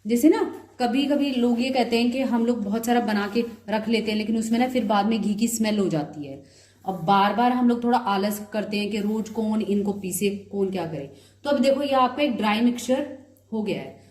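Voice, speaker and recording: A woman's voice: a little high, moderate pace, a little mellow. A woman with a slightly sore throat, explaining a home recipe step by step in a chatty, friendly tutorial. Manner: chatty, explains step by step, mixes in English words. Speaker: cooking video host. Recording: echoey room.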